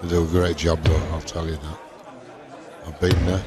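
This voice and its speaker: A male darts co-commentator with a low, deep voice, dropping in brief matter-of-fact remarks on live play. Crowd noise sits behind him. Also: little pitch movement, moderate pace. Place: commentary position at darts event.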